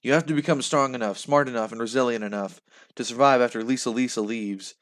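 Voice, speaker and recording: A man voicing a gentle, loving mother who speaks in a soft, soothing way. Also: mid-range voice, fairly even intonation, fast, close to an everyday voice.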